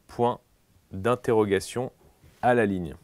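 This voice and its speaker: A man playing an examiner in a comic dictation sketch, slow and solemn, repeating every phrase and speaking out the punctuation. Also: lowish voice, a little mellow, no room sound.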